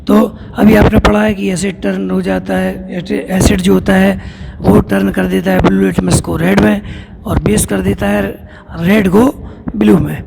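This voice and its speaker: A man teaching a school science lesson, explaining step by step and reading lines slowly. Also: high voice, little pitch movement. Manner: explains step by step, reads English lines slowly, then restates them. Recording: echoey room with clear noise.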